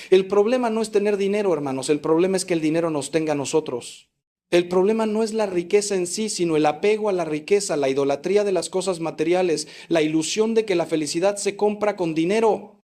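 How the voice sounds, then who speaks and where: A male priest delivers a sermon in a somewhat high voice. His preaching is emphatic, swinging up for stress and dropping low at the ends of phrases. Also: warm tone. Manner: emphatic preaching with sweeping rises and falls.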